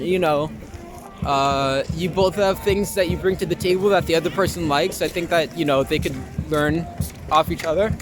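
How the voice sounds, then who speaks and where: In a casual street interview, a high-voiced young man from Long Island, New York, an actor and performer, chats informally and shares strong opinions with a bit of profanity. He's outdoors in a public city spot, and loud music is audible in the background.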